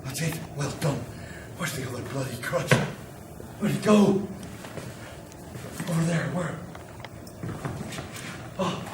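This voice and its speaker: A man's voice: fairly high pitch, takes it slowly, pauses often. A man playing a fireman who coaxes and reassures trapped survivors in an amateur audio drama, often repeating himself. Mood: urgent, coaxing. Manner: soothing and urgent, repeats his coaxing. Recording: roomy, distant mic, ambient noise.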